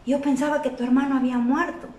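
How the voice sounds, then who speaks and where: A tender, loving old father in a children's Bible story pleads softly with his son, as a woman puts him on. The voice sits high and carries through an echoey room from some distance. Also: little pitch movement, fast talker, lightly acted. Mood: gentle pleading. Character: grieving loving elderly father.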